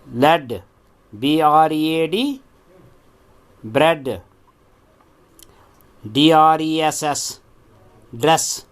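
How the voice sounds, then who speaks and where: Very slow, spelling-out male teacher. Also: a little high. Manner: spells each word letter by letter, then says it. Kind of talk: slow phonics drill, spelling out words.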